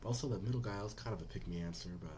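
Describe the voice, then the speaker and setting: Deep-voiced fast-talking young man commentator. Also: a little mellow, slight background noise. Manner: blunt, swears freely, mocking. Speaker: reaction commentator. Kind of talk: casual reaction commentary.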